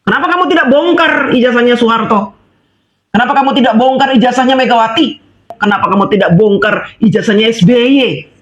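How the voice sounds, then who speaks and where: A woman's voice: on the high side, fairly quick, muffled recording. A woman vlogger ranting in an angry monologue, scolding and mocking her target with repeated taunting questions. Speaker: political vlogger. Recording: echoey room with clear background noise.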